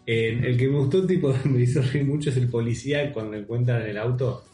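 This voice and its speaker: A man's voice: mid-range voice, fairly even intonation, fairly quick, mellow, distant mic. A man with a Rioplatense Spanish accent, co-hosting a casual film discussion and enthusing over film details. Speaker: podcast co-host. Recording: echoey room with faint music.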